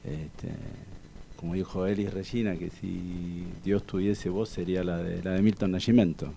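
Male radio host, low and gravelly, lively chat. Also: normal speed, slight background noise. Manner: chatty, laughs often, animated. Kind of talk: casual radio interview chat.

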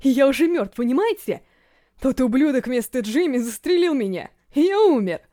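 A woman's voice: high voice, expressive, moderate pace, mellow. Panicked male captive on the edge of hysteria, sobbing pleas, a woman reader voicing him. Audiobook. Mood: hysterical. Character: terrified captive man, hysterical assassin.

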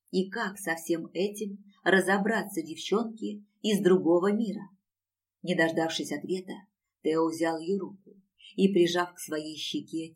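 A woman narrating an audiobook in a steady storytelling manner. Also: lowish voice. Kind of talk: scripted narration.

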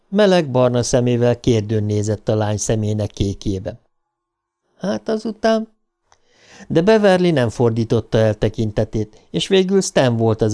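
A male audiobook narrator with a mellow, warm tone. He reads in a measured, even storytelling manner at a middle pitch.

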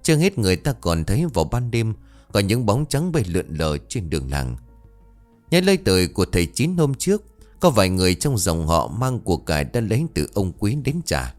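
A man narrating a ghost story in a dramatic, expressive way. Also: on the low side, fairly quick, soft background music.

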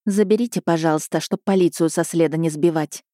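A woman voicing a stern, composed widow necromancer who gives curt, calm orders, in an audiobook reading. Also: sits low, fairly quick, dry recording, studio quality, natural voice.

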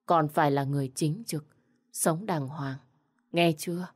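A woman's voice: deep voice, measured pace. Woman reading as a sorrowful young mother.

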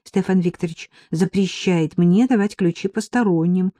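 A woman voicing a timid young woman servant who frets and pleads, speaking in a raised, mellow voice in an audiobook. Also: fairly low pitch, normal speed, no room sound, studio quality, lightly acted. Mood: anxious. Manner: pleading, fearful.

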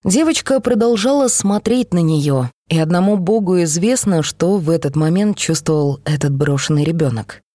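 A woman reading a first-person novel aloud, expressive and voicing each character. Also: fairly low pitch, moderate pace, few pauses, dry recording, clean studio sound. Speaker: audiobook reader. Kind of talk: scripted first-person narration.

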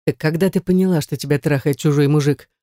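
A woman's voice: low-pitched, fairly even intonation, quick pace, dark tone, no echo, studio quality, natural voice. A woman voicing a cold, menacing young man, an ex-boyfriend who speaks with icy contempt. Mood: taunting.

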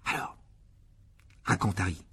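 A man's voice: unhurried, bright, forceful tone. Man voicing an eager young boy. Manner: eager, impatient. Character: eager twelve-year-old boy wizard friend.

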